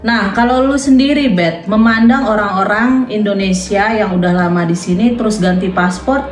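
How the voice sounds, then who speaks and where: A woman hosts a relaxed talk show and quizzes her guests with a teasing, playful edge. Her voice sits at an ordinary pitch for a woman. The room rings with echo, and faint music plays behind her. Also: moderate pace. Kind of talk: casual chat. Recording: echoey room.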